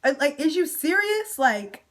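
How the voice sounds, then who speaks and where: A woman's voice: high voice, big pitch swings, unhurried, a bit bright. A young woman venting in a storytime vlog, emotional and close to tears at times, talking straight to her viewers with casual slang. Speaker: vlogger.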